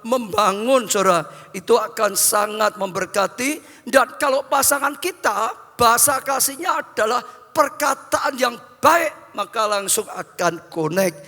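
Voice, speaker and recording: A man's voice: very high-pitched, measured pace, bright, forceful tone. A male pastor preaching a sermon, repeating phrases and addressing the congregation directly. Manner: repetitive, addresses the congregation as brothers. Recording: long hall reverb, faint music.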